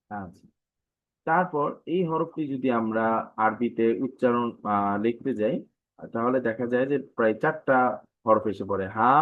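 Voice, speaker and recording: A man teaching Quran Arabic letters in an online live class, speaking with a Bangladeshi Bengali accent and drilling each sound by repeating it slowly. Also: medium pitch, no echo, highs cut off. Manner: stretches out the letter names when modelling them.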